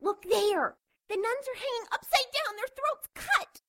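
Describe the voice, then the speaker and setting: A woman playing a terrified young nun in an audio drama, crying out in a contained, panicked shout. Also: very high voice, animated, unhurried, dry recording, studio quality, heavily acted. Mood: horrified.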